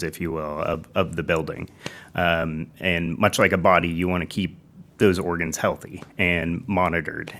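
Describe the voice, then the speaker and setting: A man appearing as a guest on a business podcast, explaining his company's software in a measured, steady way. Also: low-pitched. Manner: measured, explanatory, slight repetitions. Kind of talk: business interview talk.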